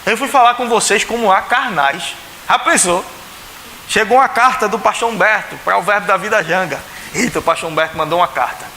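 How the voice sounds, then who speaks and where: A man's voice: high voice, fairly quick, bright, forceful tone. A male pastor with a Pernambuco Brazilian accent preaching a sermon in a church, chatty and full of rhetorical questions, acting out the voices he quotes. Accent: Pernambuco Brazilian Portuguese. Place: church sanctuary. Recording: echoey church hall, faint hiss.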